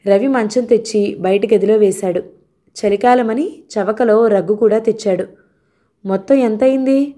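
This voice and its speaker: A woman narrating a novel in a calm, measured storytelling manner. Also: medium pitch. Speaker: audiobook narrator. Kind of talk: novel reading.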